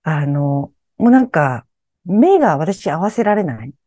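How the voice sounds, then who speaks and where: A woman with a mellow, fairly low voice recounts eerie personal experiences in conversation. Her pitch moves freely as she acts out her own puzzled reactions. The sound is close and dry. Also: unhurried, no room sound. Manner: animated retelling, acting out her own startled reactions.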